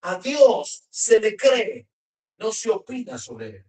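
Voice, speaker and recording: A preacher delivering a sermon, slowing and raising the voice to read verses aloud. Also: mid-range voice, very animated, warm tone. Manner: emphatic, slows and raises voice when reading verses. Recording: roomy hall, voice from a distance.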